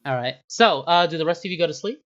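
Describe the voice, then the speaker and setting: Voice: medium pitch, lively intonation, fast talker, a bit bright. Game master running a tabletop session; meandering delivery, muffled recording. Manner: rambling, many restarts and fillers. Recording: dull lo-fi sound.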